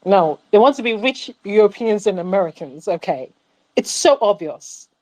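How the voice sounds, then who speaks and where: A woman's voice: medium pitch, lively intonation, normal speed, darkish tone, low-quality recording. A woman on a film club panel, ranting animatedly about a movie with rhetorical questions. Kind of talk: casual film critique chat.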